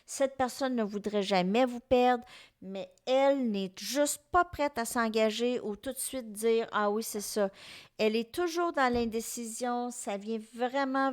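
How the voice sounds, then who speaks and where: A middle-aged woman with a Québécois French accent, giving a tarot reading to her viewers in an unhurried, musing way and speaking straight to them. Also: on the high side, clear, resonant tone. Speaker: tarot reader.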